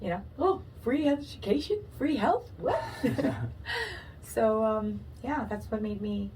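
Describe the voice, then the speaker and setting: A woman from Pakistan, a podcast guest in a studio, telling her story in a lively, playful way and laughing often. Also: fairly high pitch, slow pace, distant mic, slight background noise, rough recording. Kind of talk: casual interview chat.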